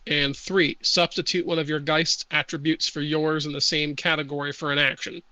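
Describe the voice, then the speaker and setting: A man acting as game master, reading out rules and narrating a tabletop game in a slow, measured way with hesitant pauses. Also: fairly high pitch, flat delivery, bright, forceful tone, dry recording, poor audio.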